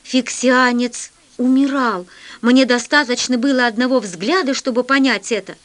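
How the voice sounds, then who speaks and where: A woman reading a children's story aloud with expressive storytelling. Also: on the high side, moderate pace. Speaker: narrator.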